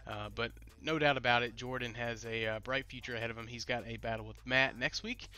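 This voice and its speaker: A man's voice: medium pitch, fairly even intonation, a little fast, sharp tone. A man with a congested, pinched-nose sound from a cold, giving solo rankings commentary as the host. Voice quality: nasal, stuffed-up as if pinching nose. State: congested, getting over a cold. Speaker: host, esports league commentator.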